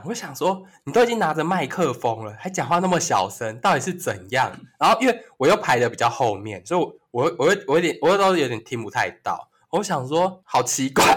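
Young man, gossipy storyteller, lively swooping pitch, casual podcast chat. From Taiwan. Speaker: podcast co-host.

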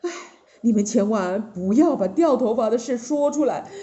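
Storybook king, remorseful and sighing, as a woman narrator voices him; mellow, lo-fi. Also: a little high, animated, close to an everyday voice. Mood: rueful. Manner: slow, sighing delivery.

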